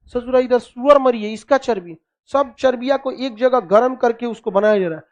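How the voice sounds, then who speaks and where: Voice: medium pitch, moderate pace. Chatty teacher. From Uttar Pradesh or Bihar. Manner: chatty, fires rhetorical questions at the class, joking asides. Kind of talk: classroom history lecture.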